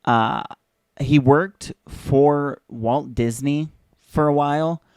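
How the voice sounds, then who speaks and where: A man's voice: on the high side, slow, a little mellow, smooth, no room sound, clean studio sound. A young man hosting a video, casually and sarcastically commenting on an old commercial, chatty and joking. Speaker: video host.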